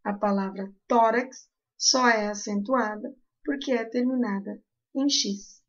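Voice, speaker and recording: A woman teacher with a southern Brazilian accent, explaining a grammar lesson slowly and carefully to her class. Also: fairly high pitch, steady tone, muffled recording. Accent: southern Brazilian Portuguese.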